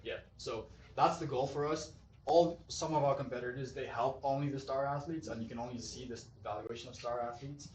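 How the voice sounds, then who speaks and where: A man from Zimbabwe pitching his startup with eager, salesy drive. His voice sits at a middling pitch. It is caught by a distant mic in a roomy hall with a faint hum of noise behind it. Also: fairly even intonation, a little fast, darkish tone. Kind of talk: pitch presentation and Q&A. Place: event hall.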